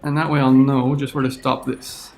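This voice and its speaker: A man teaching a screen-recorded software tutorial, talking through each step as he clicks. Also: mid-range voice, level tone, normal speed, faint music behind.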